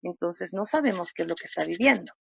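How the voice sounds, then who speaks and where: A woman in her thirties, a psychologist, giving expressive interview answers and acting out examples with lively voices. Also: fairly low pitch, quick pace, creaky, slightly rough, dry recording, lo-fi sound. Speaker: psychologist guest.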